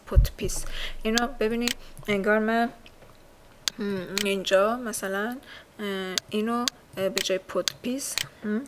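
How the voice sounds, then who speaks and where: A woman teaching a language lesson in a casual, patient way, pausing often with filler sounds. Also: mid-range voice, darkish tone, a little hiss or hum.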